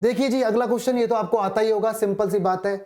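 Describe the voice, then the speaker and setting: Woman, maths teacher, classroom lesson, mellow tone, repeats key points, reads quoted text slowly. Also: mid-range voice, fairly even intonation. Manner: asks questions and answers them herself.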